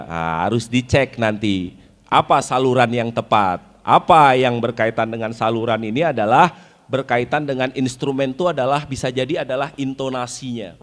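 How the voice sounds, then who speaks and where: A man from Indonesia teaching a religious study lecture at a mid pitch. He explains point by point, stops to recite Arabic verses and puts questions to the listeners. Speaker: Islamic preacher. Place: weekly study gathering.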